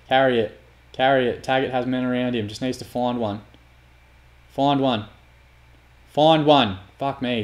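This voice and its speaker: A man's voice: medium pitch, a little mellow. A man commentating his own football manager game, prone to sweary, exasperated outbursts. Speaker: gaming YouTuber.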